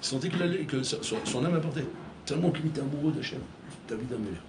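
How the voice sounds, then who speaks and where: Male rabbi, lively preacher, slightly high voice, roomy echo. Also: fast, background noise. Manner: animated, acts out dialogues, addresses listeners as Rabotai. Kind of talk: Torah lecture. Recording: echoey room with faint ambience.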